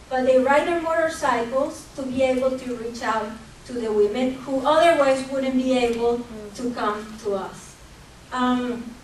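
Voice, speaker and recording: A woman from gives an earnest, measured conference talk, pausing now and then with hesitations. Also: sits high. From Costa Rica. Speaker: conference presenter for a microfinance group. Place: conference hall. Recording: echoey hall, distant mic, faint hum.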